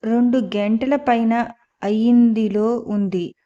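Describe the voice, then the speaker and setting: A woman's voice: fairly high pitch, fairly even intonation, takes it slowly, mellow. A woman voicing a kind, affectionate old grandmother sitting at a bedside in a storybook reading. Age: older. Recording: slightly muffled lo-fi.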